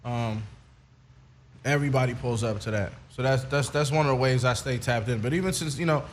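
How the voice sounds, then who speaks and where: A man in his thirties from Queens talks as a guest in a casual interview, unhurried and reflective, pausing with fillers as he thinks. His voice sits at a middle pitch. A faint hiss of noise runs under the recording. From Queens, New York. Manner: relaxed, thoughtful, many fillers. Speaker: guest rapper.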